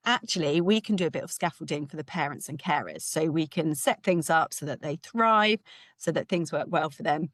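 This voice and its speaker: A British woman in her thirties, slightly hoarse, giving an informal, chatty conference talk as a ministry leader. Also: deep voice, fairly quick, a bit bright, dry recording. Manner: chatty, informal, with light laughs.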